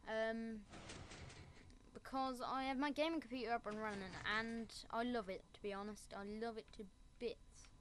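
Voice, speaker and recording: Speaking at normal speed with fairly even intonation, a woman with a fairly high voice gives a relaxed Minecraft building tutorial. There's slight background noise, and her talk meanders with self-deprecating remarks.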